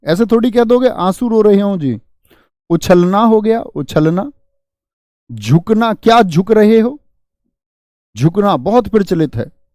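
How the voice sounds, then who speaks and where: A man's voice: high-pitched, a little mellow, no echo, studio quality. A man teaching a Hindi grammar class, drilling students with rhetorical questions and calling them friends.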